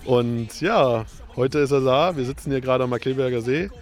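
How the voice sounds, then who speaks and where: A man's voice: mid-range voice, normal speed, faint music behind. A man hosting a radio show, interviewing a guest in a casual, rambling way with many ums and hesitations, outdoors by a lake.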